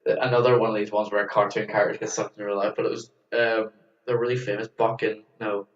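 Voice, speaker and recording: A man's voice: lowish voice, level tone, quick pace. Enthusiastic man on a roomy podcast. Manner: chatty, enthusiastic, stumbling. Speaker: podcast co-host. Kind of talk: casual chat. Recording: roomy, distant, dull lo-fi sound.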